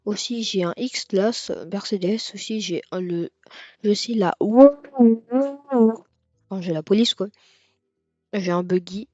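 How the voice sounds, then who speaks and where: A man giving casual let's-play commentary on a racing game, rambling and hesitant with lots of fillers and sudden excited outbursts. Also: high voice, unhurried, no room sound. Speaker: gaming video creator. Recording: dull lo-fi mic with faint music.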